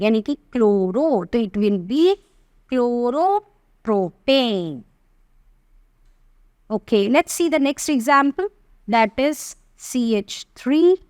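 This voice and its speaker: An Indian woman teaching chemistry, asking the class questions and spelling out formulas slowly. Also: high-pitched, darkish tone, no echo, studio quality. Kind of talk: classroom lesson in Hindi-English mix.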